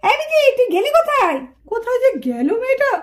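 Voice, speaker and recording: Brief: woman as stern cartoon mum, high voice, scolding and threatening. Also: very animated, fast talker. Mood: angry, threatening. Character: strict, angry village mother with a stick. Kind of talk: puppet-show cartoon voice.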